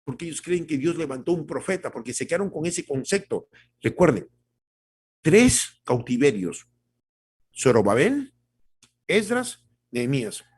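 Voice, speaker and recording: A male pastor preaching a devotional sermon. He calls his listeners brothers, repeats phrases for emphasis and moves between loud exhortation and quiet, low remarks. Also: big pitch swings, a little slow, long pauses, slightly rough. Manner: swings from loud exhortation to soft, low delivery.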